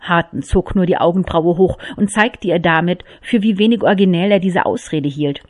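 A woman reading a novel aloud, in measured, expressive storytelling. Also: lowish voice, dry recording, studio quality. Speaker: audiobook reader.

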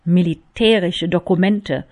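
An icy army lieutenant interrogates with slow, deliberate scorn, voiced by a woman reading a novel aloud. He stays cold and in control, never raising his voice. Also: fairly low pitch, dark tone. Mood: scornful.

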